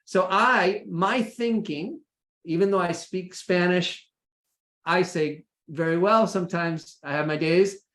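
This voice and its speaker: His voice sits high with a fairly bright tone, and he speaks slowly. The American presenter keeps his practical, informal session conversational, frequently asking listeners "right?" and "okay?". Room echo is audible throughout.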